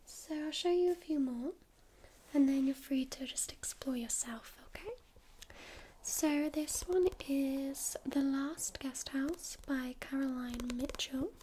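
Friendly, patient female librarian played by a woman, ASMR role-play; slow, mellow library soft voice, faint noise behind. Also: high-pitched. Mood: gentle, accommodating. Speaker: ASMR performer playing a librarian.

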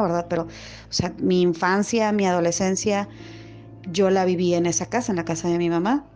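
In a lo-fi voice message, a woman with a medium-pitched, dark voice casually shares a ghost story that happened to her as a follower. She rambles and keeps circling back as she tells it.

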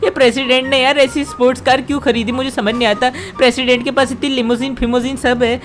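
Woman putting on a mischievous little boy, high squeaky voice, whiny, excitable, panicky cartoonish game commentary. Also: fast, natural voice. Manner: whiny, excitable exclamations, talks to viewers. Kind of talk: gameplay commentary in character.

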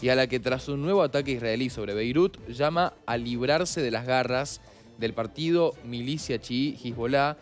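A male news anchor reads the day's international report in a measured, formal manner. His pitch sits in a middle range for a man. Soft music plays beneath him. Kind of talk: newsroom co-anchoring.

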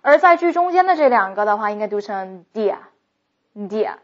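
A woman English teacher explaining pronunciation rules briskly and slowing down to model example sentences. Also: fairly high pitch, sing-song. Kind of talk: recorded pronunciation lesson. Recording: muffled lo-fi recording.

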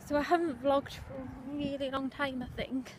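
Young woman, high voice, out of breath, chatty and rambling, phone vlog outdoors, faint wind noise. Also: flat delivery, moderate pace. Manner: chatty, rambling with many fillers. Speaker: vlogger. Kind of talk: casual walking vlog. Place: outdoors on a windy street.

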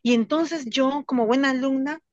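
A woman on a video call, telling an anecdote in a casual, animated way and laughing often. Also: high voice, normal speed, dry recording, highs cut off. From Latin America, immigrant in Switzerland. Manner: animated, laughs often, acts out quoted voices. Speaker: book club participant.

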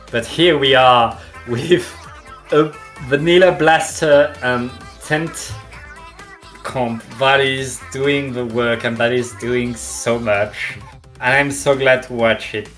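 An esports co-caster giving enthusiastic color commentary with slightly halting phrasing. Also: mid-range voice, a bit bright.

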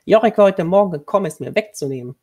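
A man's voice: high voice, lively intonation, quick pace, a little mellow, pitched above the performer's own voice. A man playing a small, cruel, defiant boy. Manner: sullen and defiant.

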